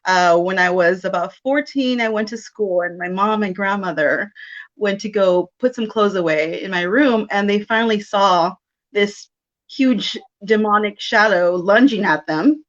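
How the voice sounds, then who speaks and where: A woman's voice: mid-range voice, unhurried, lo-fi sound. A woman in her thirties from South Texas, a psychic medium chatting as a guest in an interview, laughing often. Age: 30s. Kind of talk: casual interview chat.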